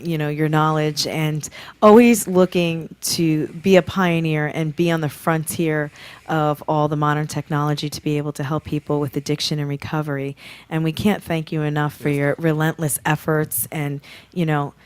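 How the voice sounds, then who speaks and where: A woman hosting a live radio health show, effusive and quick to laugh. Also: sits low, flat delivery, a little mellow, smooth, dry recording. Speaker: host.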